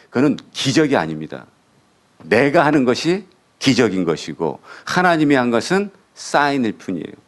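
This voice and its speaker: A male pastor giving a sermon, asking the congregation questions and answering them himself. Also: medium pitch.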